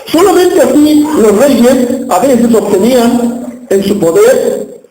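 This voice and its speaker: A man's voice: extremely high pitch, animated, takes it slowly, warm tone. A male pastor preaching a sermon to a church, often asking the congregation questions. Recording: echoey church hall.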